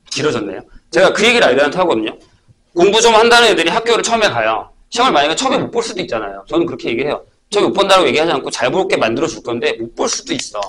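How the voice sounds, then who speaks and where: A middle-aged man, a math academy teacher, giving an information session talk to parents and telling stories in an animated way. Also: fairly high pitch. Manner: animated storytelling, acting out students and himself.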